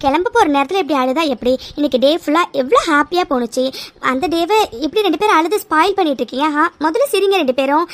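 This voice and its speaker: A woman's voice: high-pitched, animated, fast. A woman voicing a playful, teasing young woman in a cartoon drama. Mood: coaxing. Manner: teasing, bossy.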